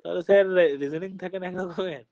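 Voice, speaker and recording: A man's voice: high-pitched, fairly even intonation, fairly quick, a little mellow, no echo, lo-fi sound. A male teacher from Birbhum giving a patient classroom lecture, often checking that his students follow. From Birbhum, West Bengal.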